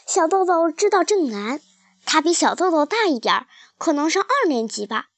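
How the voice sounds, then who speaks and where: A woman narrating a children's story in a calm, careful storybook reading. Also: extremely high pitch, moderate pace, no room sound.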